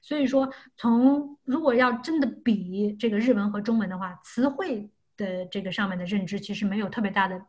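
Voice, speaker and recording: A woman's voice: mid-range voice, a little fast, few pauses, darkish tone, muffled recording. A woman teaching an unscripted online language lesson, explaining step by step and often repeating and rephrasing herself.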